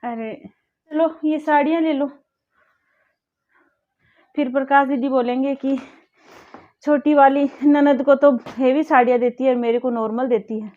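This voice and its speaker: A woman's voice: high voice, steady tone, unhurried, pauses often. A woman playing family members in a home-made skit, chatty and scolding, switching between characters. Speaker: video creator playing family roles. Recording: dull lo-fi sound.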